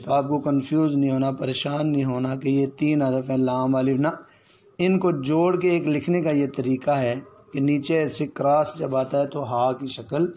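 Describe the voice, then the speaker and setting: A man's voice: mid-range voice, fairly even intonation, mellow, slight background noise. Man teaching children letter sounds. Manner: slow, drawn-out letter sounds for children to repeat. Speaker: Quran reading teacher. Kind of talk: call-and-response phonics lesson.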